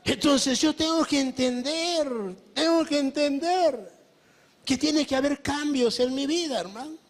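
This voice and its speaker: Mexican male pastor, emphatic sermon delivery, high-pitched and unhurried, keeps calling on his brothers. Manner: emphatic preaching, often calling listeners brother; asks the congregation rhetorical questions.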